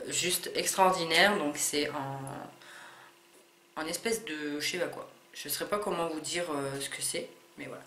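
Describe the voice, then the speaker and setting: A woman's voice: lowish voice, fairly bright tone. A woman chatting through a casual unboxing vlog, hesitant, with many fillers and restarts. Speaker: beauty vlogger. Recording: echoey room with faint noise.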